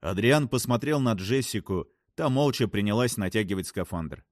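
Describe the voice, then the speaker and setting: A man narrating an audiobook in a calm, even reading voice. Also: on the low side, moderate pace, no room sound, studio quality. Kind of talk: scripted narration.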